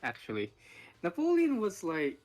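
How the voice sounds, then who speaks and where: Wry, lively-voiced gaming companion. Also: mid-range voice, normal speed, soft background music. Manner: wry, dry asides. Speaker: co-player. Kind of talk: casual game commentary.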